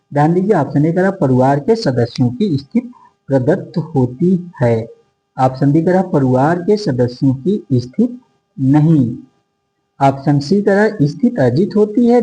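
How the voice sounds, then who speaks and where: Male sociology tutor, warm and unhurried, exam-drill delivery, light music bed. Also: a little high, low-quality recording. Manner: repeats question numbers, drills options for students. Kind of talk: exam-prep lecture.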